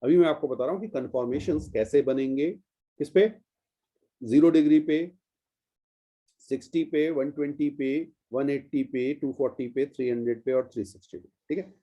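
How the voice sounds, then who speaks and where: A man's voice: medium pitch, moderate pace, mellow. A man from India teaching a chemistry class, explaining step by step in a patient way and drawing out key terms as he goes. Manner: patient, step-by-step explaining, addresses students as "beta". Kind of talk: classroom lecture.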